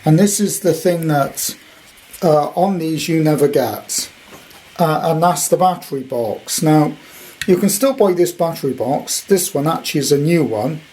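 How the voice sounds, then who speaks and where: A vintage radio collector shows off his latest purchase at home, rambling informally and cracking puns as he handles it. His voice is a bit high and a bit slow, with a darkish tone, and the home recording is clearly noisy.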